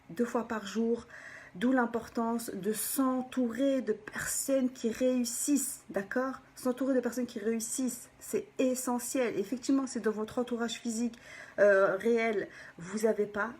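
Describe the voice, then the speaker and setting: A woman, a personal development coach, gives an animated motivational talk to viewers, often checking in with them and sometimes dropping into a soft whisper for emphasis. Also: a little high, breathy edge. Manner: animated, keeps checking in with the listener.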